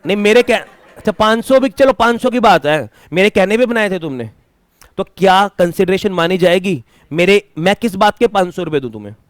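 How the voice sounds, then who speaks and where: A man's voice: high-pitched, animated, moderate pace, no echo. A man teaching a classroom lecture, asking students questions and mixing English terms into his talk. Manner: mixes Hindi with English terms.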